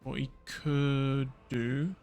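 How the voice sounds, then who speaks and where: A man's voice: medium pitch, flat delivery, extremely slow, vocal fry, a little mellow, soft background music. A man streaming a strategy game, thinking aloud and muttering his moves in casual commentary.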